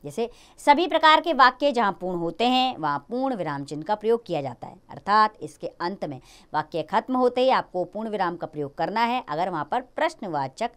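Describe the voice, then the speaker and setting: A young adult woman teaching a grammar lesson to children, slowing down to read out the example sentences. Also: mid-range voice, lively intonation, fairly bright tone, smooth.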